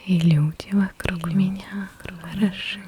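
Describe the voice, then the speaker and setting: A woman whispering ASMR affirmations in a soft, breathy, barely audible voice, repeating phrases as they fade away. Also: medium pitch, fairly even intonation. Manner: very slow, repeats phrases in fading echoes. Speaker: ASMR creator.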